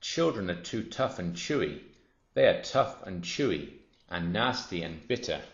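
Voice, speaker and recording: A man's voice: low voice, very animated, unhurried, gravelly, full character voice. A man voicing a smaller crocodile in a children's storybook, blunt, disapproving and scornful, with emphatic scoffing delivery. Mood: disgusted. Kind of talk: children's storybook character reading. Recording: roomy, dull lo-fi sound.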